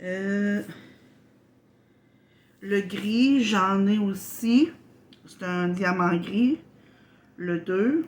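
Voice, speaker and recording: A woman from Quebec with a Québécois accent, hosting a casual unboxing vlog, halting and apologetic, full of fillers and restarts. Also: medium pitch, slight background noise. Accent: Québécois French. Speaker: channel host.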